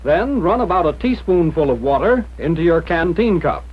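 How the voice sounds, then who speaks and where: 1940s-style narrator, American man, higher-pitched voice, slightly husky, formal instructional delivery, dull vintage film soundtrack. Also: very animated. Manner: mid-century newsreel-style narrator, formal, measured instruction.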